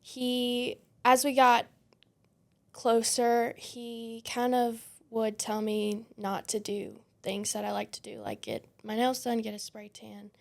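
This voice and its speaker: A young woman in her twenties talks as a podcast guest, bubbly and giggly, filling her sentences with "um" and "like." Her voice sits a little high for a woman. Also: flat delivery, takes it slowly, gravelly. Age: 20s. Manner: bubbly, giggly, lots of fillers. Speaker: guest, spray tan business owner. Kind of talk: casual interview chat.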